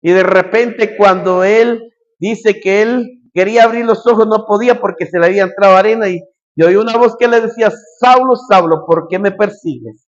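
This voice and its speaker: A high-pitched man preaching in storytelling fashion, acting out the lines and sound words as he retells the story. The recording is dull and lo-fi. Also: steady tone, a little fast. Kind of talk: sermon retelling a Bible story.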